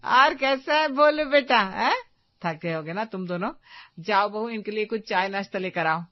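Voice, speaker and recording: A woman voicing a warm, fussing middle-aged mother-in-law who gently gives orders around the house. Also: medium pitch, normal speed, no echo, muffled recording, close to an everyday voice.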